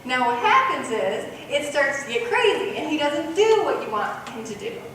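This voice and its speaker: A woman giving a parenting workshop to a live group, animated, acting out parent and child voices. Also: sits high, moderate pace, far from the mic, background noise. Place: workshop room. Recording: echoey room recorded from afar.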